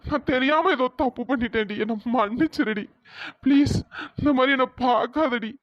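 A man playing a pleading cartoon husband, slow and tearful, mid pitch, dull dry lo-fi audio. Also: no echo. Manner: begging, slow, soft.

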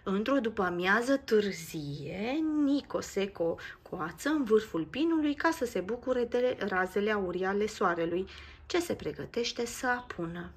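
A woman reading a children's storybook aloud in a lively, expressive way. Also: mid-range voice, husky. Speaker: narrator. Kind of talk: storybook read-aloud narration.

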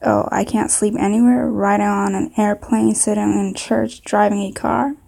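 A woman's voice: mid-range voice, flat delivery, normal speed, creaky, a little mellow, slightly rough. A woman playing an indignant, pushy customer with a put-on Southern drawl in a comedy scene read-through. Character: indignant, pushy adult pet hotel customer.

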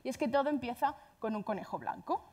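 Andalusian woman doing a tech talk, fast and chatty, kinda high voice. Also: animated, darkish tone. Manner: fast, chatty, self-deprecating. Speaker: speaker at a tech conference. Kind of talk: conference talk.

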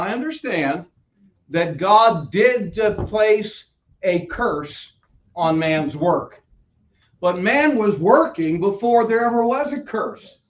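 Older man preaching, slow and high-voiced. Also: lo-fi sound. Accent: New York. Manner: conversational, unhurried preaching with asides. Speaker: pastor. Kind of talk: sermon. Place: church sanctuary with pulpit. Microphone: stand mic at pulpit, preacher moving about.

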